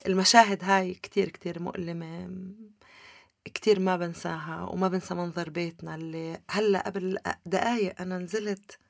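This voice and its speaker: Woman, Levantine Palestinian Arabic accent, interview guest, personal storytelling, rapid delivery, creaky voice. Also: lowish voice, fairly even intonation, no echo, studio quality.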